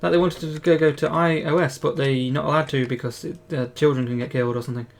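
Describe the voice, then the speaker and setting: A man's voice: on the high side, fairly even intonation, fast, creaky. A man co-hosting a casual gaming podcast, making wry joking asides. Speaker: podcast co-host. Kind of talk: casual chat.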